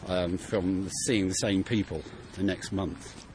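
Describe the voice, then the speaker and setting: A man chatting on a city walk, halting and restarting his sentences. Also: low voice, fairly even intonation. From England. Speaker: walk participant. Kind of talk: casual conversation while walking. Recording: outdoor street noise.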